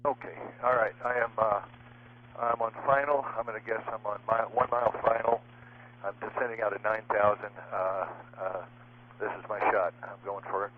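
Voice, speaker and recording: A man's voice: fairly low pitch, fairly even intonation. Pilot over the radio, man, tinny. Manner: hesitant, halting, with many fillers. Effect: pilot heard over an air traffic radio. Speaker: single pilot in an emergency. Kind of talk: radio calls with air traffic control. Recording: narrow, tinny radio transmission.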